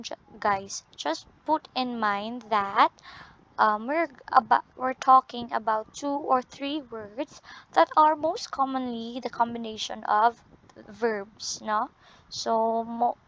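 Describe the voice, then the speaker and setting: A woman teacher with a Filipino accent giving an English lesson, drawn out and deliberate, often ending points with a questioning "no?". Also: on the high side, fairly bright tone. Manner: ends points with tag "no?". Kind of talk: classroom lesson. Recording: dull lo-fi audio.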